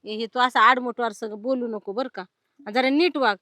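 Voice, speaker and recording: A woman's voice: fairly high pitch, steady tone, normal speed, bright, forceful tone, dry recording, clean studio sound. An actress playing a village wife, pleading with her husband and scolding her sister-in-law. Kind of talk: Marathi village drama acting.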